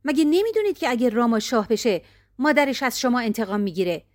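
A woman's voice: animated, no echo, clean studio sound. A woman voicing a wicked scheming maidservant who urges her queen on in a raised, insistent voice. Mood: urgent scheming. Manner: urgent, insistent, raised pitch. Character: scheming spiteful maidservant woman, whispering poison.

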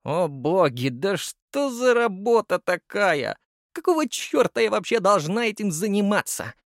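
Male narrator as grumpy stout nurse, shrill and put-upon, close dry voice. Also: sing-song, measured pace, fairly bright tone, dry recording, exaggerated voice. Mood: grumbling. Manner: shrill, complaining, swearing.

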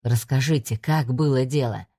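Woman playing a calm, low-voiced male investigator. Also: moderate pace, husky, exaggerated voice. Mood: coaxing. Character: calm male police investigator, patient and persuasive. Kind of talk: audiobook reading.

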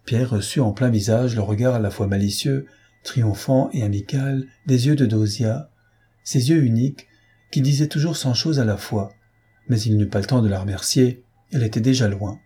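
A man narrating a classic novel as an audiobook, in a measured storytelling manner with a husky voice. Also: mid-range voice, mellow.

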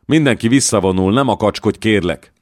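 A man voicing a frightened, loyal male squire who pleads in urgent shouts. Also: sits low, big pitch swings, dry recording, studio quality. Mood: pleading.

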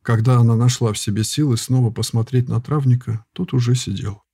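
A man reads a novel aloud in a measured, intimate way. His voice is dark and husky. The recording is close and dry, with no room sound. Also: medium pitch, fairly even intonation, no room sound. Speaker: audiobook narrator. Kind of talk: scripted narration.

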